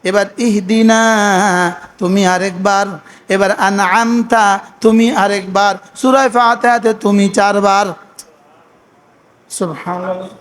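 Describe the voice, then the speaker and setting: A male preacher. He keeps quizzing his listeners with the same question and chants Arabic prayers at a slow, deliberate pace. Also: sits high, steady tone, fairly bright tone. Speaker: Islamic preacher. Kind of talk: sermon.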